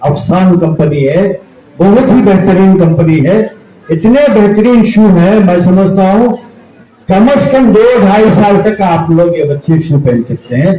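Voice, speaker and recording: A man with a high, mellow voice addresses parents and students. He pleads earnestly and repeats his points to press them home. His words ring out in an echoing hall. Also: a little hiss or hum. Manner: earnest, exhorting, repetitive pleading. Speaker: school society speaker at prize distribution. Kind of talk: public speech to parents and students. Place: school function hall.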